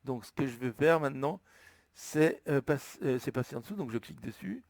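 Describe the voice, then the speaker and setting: A man with a French accent slowly explaining, step by step, how to enter a flight plan, thinking aloud as he goes. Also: mid-range voice, animated, creaky, a little mellow, no echo, clean studio sound. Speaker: flight sim tutorial maker. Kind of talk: screen-recorded tutorial narration.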